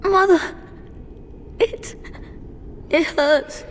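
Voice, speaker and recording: A woman voicing a young, frightened boy who is in pain in a video game, speaking weakly and haltingly. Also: very high-pitched, a little hiss or hum, exaggerated voice. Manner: weak, pained, faltering. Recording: long hall reverb.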